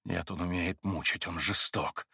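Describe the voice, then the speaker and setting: A man voicing a feverish, tormented young man in an audiobook, husky and agitated, rising into anguished outbursts. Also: deep voice, fairly even intonation, a little slow, pushed and bright, no room sound, clean studio sound, voice pushed down, exaggerated voice. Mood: bitter. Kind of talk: audiobook character reading.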